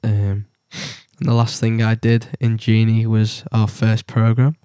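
Man with a cold, halting delivery. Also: lowish voice, completely flat delivery, warm tone, smooth, no echo, clean studio sound. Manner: halting, many ums and likes. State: has a cold. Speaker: tutorial presenter. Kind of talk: casual screen-recorded coding tutorial.

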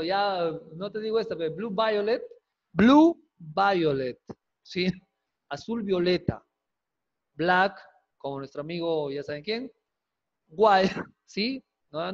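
A man teaching an English class online, lively and coaxing, quizzing students with quick questions and jokes. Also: sits high. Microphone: video call. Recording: dull lo-fi video call audio.

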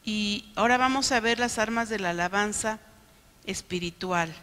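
A woman pastor preaching a sermon, often checking in with the congregation with quick questions. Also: medium pitch, fairly bright tone. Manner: keeps asking the congregation "¿no?". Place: church sanctuary. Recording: long reverb of a church hall.

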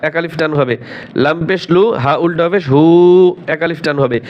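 A man teaching Quran recitation, spelling words out letter by letter, quizzing learners, and chanting verses slowly and drawn out. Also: a little high, highs cut off. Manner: drills letter by letter, asks learners questions, slow drawn-out chanting.

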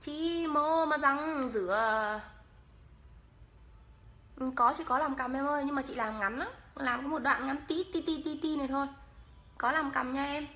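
High, bright-voiced playful woman vlogger. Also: fairly even intonation, brisk. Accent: northern Vietnamese. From northern Vietnam. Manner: playful and teasing, laughs often. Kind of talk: casual makeup vlog chat.

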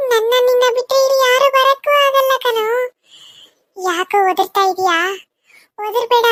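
Vengeful female ghost, cartoon, very high shrill voice, accusing wails, dry sound. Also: fairly bright tone, no room sound. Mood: eerie coaxing. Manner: accusing, taunting, drawn-out wails. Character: vengeful weeping female ghost, a murdered second wife.

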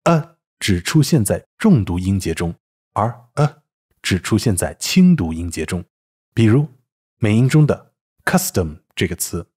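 Male teacher voice-over, low-pitched and slightly husky, careful instructive delivery with lively intonation. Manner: careful, instructive, demonstrating sounds slowly. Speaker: English pronunciation teacher. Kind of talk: scripted lesson narration.

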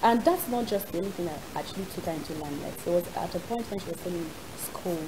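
A young woman, presenting a segment in casual studio chat, animated and quick to laugh. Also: on the low side, background noise. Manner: animated, laughs often, acts out quotes. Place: TV studio, seated with co-hosts.

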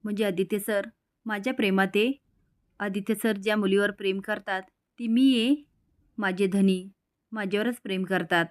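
An earnest young woman from a family serial story, wistful and wondering as she thinks aloud, as a woman narrator voices her. Her voice is soft-spoken and sincere. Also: mid-range voice, fairly even intonation, normal speed, lightly acted.

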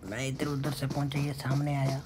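A man giving casual commentary over his own mobile game matches, excitable and muttering to himself. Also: medium pitch, normal speed. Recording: noisy with game gunfire behind. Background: gunfire and game sounds.

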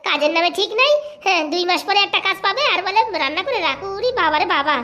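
A shrill nagging wife. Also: lively intonation, sharp tone, exaggerated voice. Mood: scolding. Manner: scolding, mocking, fast-talking. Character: nagging shrill village wife of a poor priest. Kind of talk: comic cartoon voice acting.

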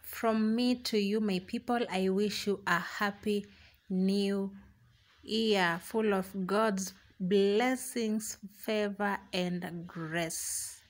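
A young woman with a Kenyan accent talks warmly and casually to her viewers in a home vlog, mixing Swahili phrases into her English. Her mid-range voice holds a steady tone, and she draws out her words.

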